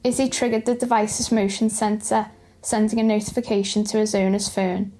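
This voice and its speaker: Female narrator, medium pitch, scripted light-news voice-over with soft music underneath. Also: level tone, normal speed.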